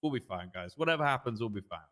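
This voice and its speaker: A man's voice: mid-range voice, expressive, fast talker, sharp tone. A man playing a police sergeant in role-play, talking in an offhand, reassuring way. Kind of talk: casual role-play banter.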